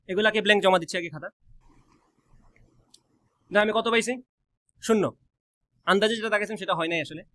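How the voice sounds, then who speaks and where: A young man with a colloquial Sylheti-tinged Bengali accent, giving a blunt, rapid-fire orientation lecture as a coaching teacher, mixing in English words. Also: high voice, sharp tone. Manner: rapid-fire, says he always talks fast.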